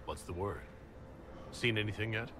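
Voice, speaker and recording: Acting lines for a video game, a man plays the calm, inquisitive commander of an inquisition, composed, direct and commanding as he asks his questions. The performance is lightly acted in a fairly low voice at normal speed, with background noise.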